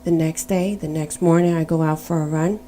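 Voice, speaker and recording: A woman's voice: sits low, steady tone, normal speed, warm tone, slight background noise. A middle-aged woman giving a personal faith testimony, earnest and storytelling, now and then spelling words out letter by letter.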